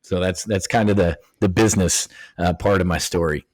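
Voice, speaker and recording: Man, middle-aged, low-pitched, casual storyteller, slangy, does quoted voices, dry close recording. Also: fairly even intonation, brisk, no echo, poor audio. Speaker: guest, former Navy fighter pilot turned options trader. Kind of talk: conversational storytelling interview.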